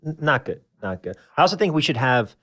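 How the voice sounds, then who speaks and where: A man's voice: mid-range voice, sing-song, fast talker, a bit bright. A man hosting a casual podcast interview, chiming in with short, blunt reactions and opinions. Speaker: podcast host.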